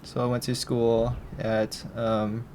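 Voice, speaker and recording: This is a young man in his twenties from Hawaii, a film student being interviewed. He talks in a flat, even tone and answers hesitantly, often stopping and restarting his sentences. A faint rumble sits behind his voice. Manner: halting and hesitant, full of restarts.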